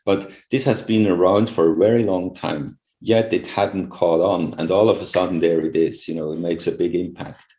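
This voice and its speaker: A middle-aged scientist from Switzerland, a non-native English speaker with a Swiss accent, answers interview questions thoughtfully and conversationally, often slipping in "you know" and "right?". His voice is deep and dark, steady in tone, at a normal speed. The room is echoey.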